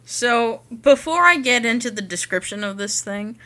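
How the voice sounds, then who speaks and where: Young woman, podcast co-host, casual chat, blunt, sweary, wisecracking, slightly high voice. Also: expressive, normal speed, sharp tone.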